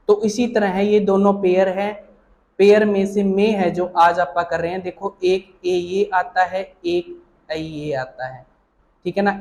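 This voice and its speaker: Man with a high voice, patient teacher, explains in small steps and keeps checking in with the class. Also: a little mellow. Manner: explains slowly, often checking with "theek hai na". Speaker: shorthand teacher. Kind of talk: online classroom lesson.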